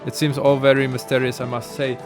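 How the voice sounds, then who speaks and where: A man's voice: medium pitch, level tone, a little fast, music in the background, close to an everyday voice. A man reading a naive game adventurer. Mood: earnest.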